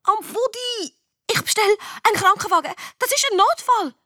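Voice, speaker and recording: A woman's voice: very high-pitched, sing-song, moderate pace, pushed and bright, dry recording, clean studio sound, voice pushed up, full character voice. A woman with a Swiss German accent voicing a hurt schoolboy in a storybook, squealing and dramatic. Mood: panicked.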